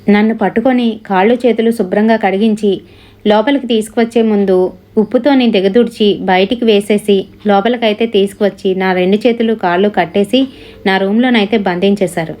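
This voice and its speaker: A woman's voice: mid-range voice, fairly even intonation, a little fast, darkish tone. A woman narrating a first-person horror story, acting out family members' lines dramatically.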